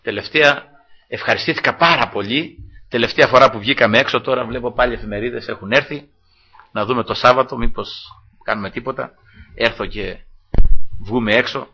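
A man from Greece preaching a fervent sermon, shifting from quiet asides to loud exclamations and repeatedly addressing his listeners as brethren. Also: medium pitch, dull audio, slight background noise. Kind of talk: evangelical sermon.

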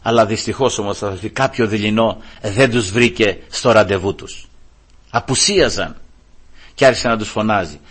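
A male preacher delivering a sermon, emphatic and repeatedly addressing his listeners as brothers, with a husky voice. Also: lowish voice, fairly bright tone.

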